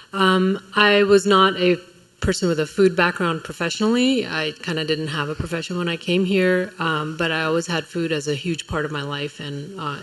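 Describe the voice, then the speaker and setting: Female panelist, lowish voice, thoughtful and sincere. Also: fairly bright tone, low-quality recording. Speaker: food panelist. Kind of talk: panel talk. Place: museum event hall.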